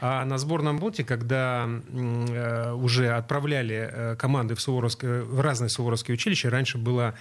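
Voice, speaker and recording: A man's voice: medium pitch, fairly even intonation, a little fast, hardly any pauses. A middle-aged man from Donetsk answers interview questions hesitantly, with many filler sounds and restarts as he tells a story. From Donetsk, Ukraine. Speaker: interviewed city deputy.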